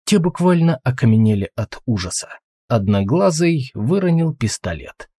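A man narrating an adventure audiobook in a steady storytelling manner. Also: mid-range voice, normal speed, breathy edge, dry recording, clean studio sound. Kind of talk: scripted narration.

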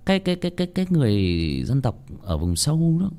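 A man's voice: a little high, very animated, fast talker, mellow. A man telling a ghost story in a casual, rambling way, with many restarts and repeated words, speaking straight to his listeners.

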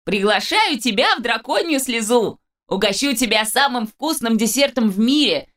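In this audiobook narration, a woman with an expressive, fairly bright voice at a moderate pace portrays a smug, whiny young man. Her delivery is a shrill, nasal whine, sugary and sneering at first, then wheedling.

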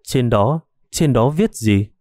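A man's voice: mid-range voice, animated, moderate pace, darkish tone, dry recording, lightly acted. An insistent police detective who presses his questions urgently, voiced by a male narrator. His voice stays mid-range and ordinary. The sound is close and dry. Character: agitated young male police detective, pushy.

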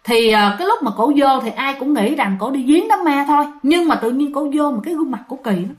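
A woman with a high voice tells a ghost story to her listeners. Her delivery is casual and chatty, turning to address them again and again. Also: animated, a little fast.

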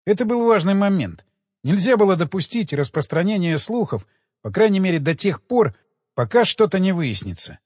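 A man narrates an audiobook with a dramatic, expressive read. His voice is husky and moves widely in pitch. A long reverb trails after his lines. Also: moderate pace.

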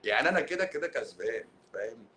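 A man's voice: medium pitch, quick pace. A middle-aged man with an Egyptian Arabic accent, a doctor talking in a casual, sarcastic live-stream monologue. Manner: sarcastic, mocking, animated.

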